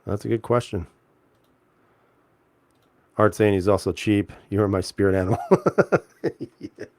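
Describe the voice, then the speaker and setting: A man's voice: fairly low pitch, level tone, a little slow, darkish tone, no room sound. A man hosting a casual livestream, reading viewer comments aloud and answering them in a laid-back, chuckling way with many fillers and restarts. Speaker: livestream host reading chat. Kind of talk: casual live-chat talk.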